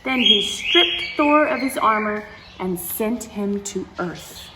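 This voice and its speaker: A woman reads a storybook to young children at a slow pace, her mid-range voice animated. As story time host she reads expressively, with exclamations and asides to the kids listening. Clear background noise is present.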